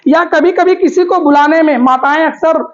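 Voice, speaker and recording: A woman teacher with a high voice leads a grammar lesson and drills the class. She asks questions, then answers them herself and repeats the terms. The recording is muffled and lo-fi. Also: normal speed. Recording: dull lo-fi recording.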